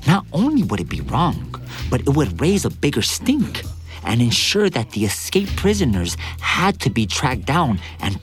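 A man narrates a story in the first person, his pitch rising and falling lively as he tells the chase. Soft music plays faintly underneath the reading. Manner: vivid, expressive storytelling. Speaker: narrator and lead actor.

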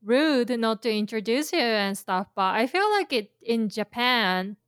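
A woman's voice: fairly high pitch, lively intonation, a little slow, fairly bright tone, clean tone, no echo, clean studio sound. A woman teaching Japanese in a casual chat, explaining with imagined scenarios and plenty of fillers. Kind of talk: casual language lesson chat.

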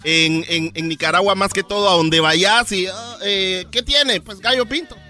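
Bright-voiced man telling stories. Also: high voice, moderate pace, faint music behind. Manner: explains food and stories with many filler sounds. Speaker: radio show co-host. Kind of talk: comedic radio banter.

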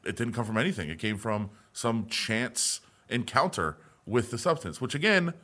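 A man's voice: mid-range voice, animated, normal speed, sharp tone. A man co-hosting a sports podcast, talking in a casual, conversational way with frequent restarts. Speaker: podcast co-host.

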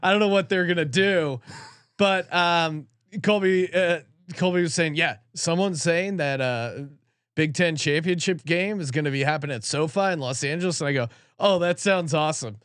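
A man's voice: fairly high pitch, moderate pace, a bit bright, no room sound, studio quality. A man hosting a sports podcast, talking in a chatty, informal way. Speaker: podcast host. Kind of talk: casual sports betting talk with sponsor reads.

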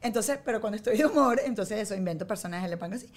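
A woman's voice: mid-range voice, lively intonation, very fast. A woman guest chatting casually on a podcast, talking animatedly and laughing often. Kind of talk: casual chat.

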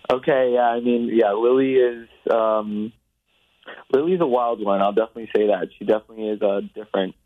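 A man's voice: lowish voice, fairly even intonation, moderate pace, pauses often, no echo. A man talking over a phone speaker on a radio show, hesitant and guarded, with many fillers. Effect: heard over a phone speaker. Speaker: radio show call recipient. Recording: tinny phone line on speakerphone.

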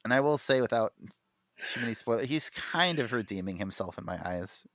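Chatting casually about comic books as a podcast co-host, a man talks fairly quickly and enthusiastically, with lively intonation and lots of fillers and restarts. His medium-pitched voice is a bit bright, recorded dry in studio quality.

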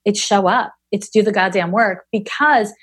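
A woman's voice: mid-range voice, moderate pace, a bit bright. A woman in her forties, an astrologer being interviewed, speaking frankly and bluntly with casual swearing. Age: 40s. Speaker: astrologer guest.

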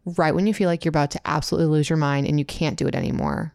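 A woman's voice: sits low, very animated, rapid-fire, gravelly, a little mellow, no room sound, studio quality. A woman in her thirties co-hosting a podcast in casual chat, chatty and peppered with "like". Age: 30s. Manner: chatty, lots of "like". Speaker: podcast co-host.

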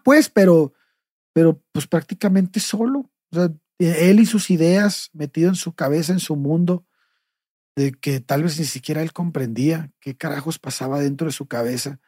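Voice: medium pitch, warm tone, no room sound, clean studio sound. A podcast co-host with a Mexican accent in casual chat, emphatic and full of slang and swearing.

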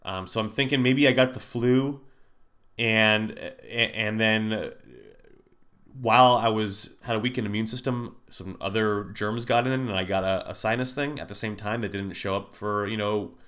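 In this casual solo podcast monologue, a man with a fairly low, slightly bright voice speaks at a normal pace. He sounds nasal and congested from a sinus cold, and he rambles, full of fillers and false starts.

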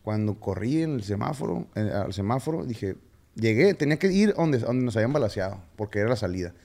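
A man with a Mexican accent, a podcast guest telling his story in casual slang with halting fillers. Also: lowish voice, very animated, creaky, a little mellow.

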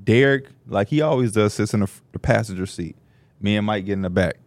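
Animated man telling a funny podcast story. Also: fairly quick, no room sound. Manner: animated, jumps into high voices to quote people; slangy, laughs through his stories. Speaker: podcast co-host. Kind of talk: casual storytelling chat.

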